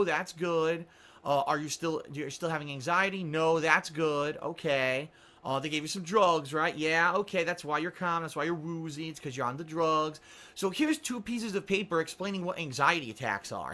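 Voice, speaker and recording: A man's voice: high voice, sharp tone. A man telling an exasperated, sarcastic story as a vlogger, swearing and acting out the people he quotes. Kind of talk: angry storytelling rant.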